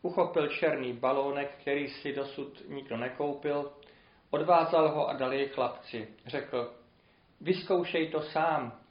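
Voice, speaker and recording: A man preaching a sermon and telling a parable in a measured, earnest way, with emphatic rises. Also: medium pitch, fairly even intonation. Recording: roomy, dull lo-fi recording.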